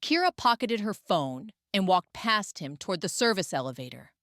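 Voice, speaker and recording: A woman narrating a scripted drama story with expressive pacing. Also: mid-range voice, moderate pace, no room sound, clean studio sound.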